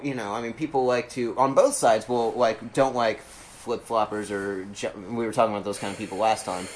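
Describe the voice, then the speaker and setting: A man in casual political chat, rambling with many fillers and swearing bluntly. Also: mid-range voice. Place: cold unheated studio.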